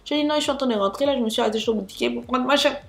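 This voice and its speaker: A woman's voice: high-pitched, very fast, gravelly. A young woman telling a dramatic storytime vlog, talking straight to her viewers with asides. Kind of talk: animated storytime monologue.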